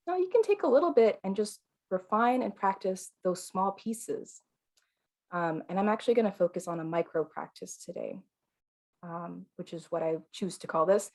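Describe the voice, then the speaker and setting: Leading a live online qigong session, a non-binary teacher with a female-sounding voice speaks in a fairly low pitch. They're calm and soothing but chatty, sprinkling in fillers and soft laughter.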